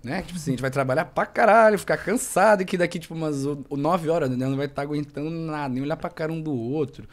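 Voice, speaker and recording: A young man and actor, chatting casually as a podcast guest in a slangy, rambling, animated way. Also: a little high, fast, few pauses.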